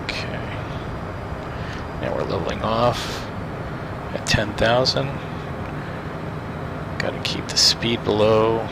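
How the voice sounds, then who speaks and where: A man with a fairly low voice speaks as if into a pilot's cockpit headset. He reels off checklist items and radio calls in a steady, matter-of-fact way. A loud engine drone runs beneath every word. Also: slow, vocal fry, pauses often. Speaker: pilot flying a simulated jet. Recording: loud engine noise behind the voice.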